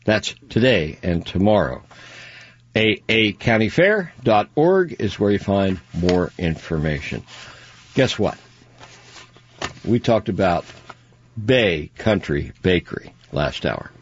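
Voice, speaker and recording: A man's voice: low voice, big pitch swings, slow, pauses often, slightly rough. A man, hosting a radio show and doing chatty live-read ads with personal asides. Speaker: radio host reading sponsor ads. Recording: dull lo-fi radio broadcast.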